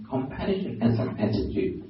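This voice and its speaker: A man with a Burmese accent, a Buddhist monk giving a dharma talk, pausing and restarting often as he searches for words. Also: medium pitch, very animated. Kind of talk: dharma talk to a lay audience. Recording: very echoey hall, distant mic, dull lo-fi sound.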